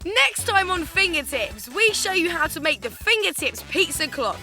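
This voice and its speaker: A woman's voice: extremely high pitch, sing-song, moderate pace, soft background music. A woman presenting a children's craft show, explaining steps in an encouraging way. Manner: bright, encouraging, explains step by step. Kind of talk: upbeat instructional presenting.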